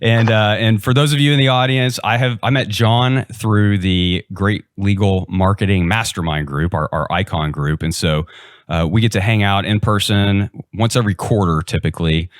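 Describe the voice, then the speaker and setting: Male podcast host, lowish voice, friendly easygoing questions, dry sound. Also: moderate pace, dry recording. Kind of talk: casual podcast interview.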